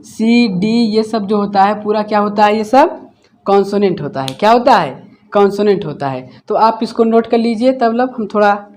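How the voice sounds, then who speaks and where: A man's voice: high voice, expressive, a little mellow. A man teaching English grammar in a class, asking each question and then repeating the answer himself. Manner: explains slowly, step by step. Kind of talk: classroom lesson.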